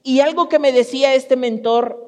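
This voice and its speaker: High-voiced pastor preaching. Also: male voice, moderate pace. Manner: speaks directly to the congregation, storytelling with frequent restarts. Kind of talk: conversational sermon. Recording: long hall reverb.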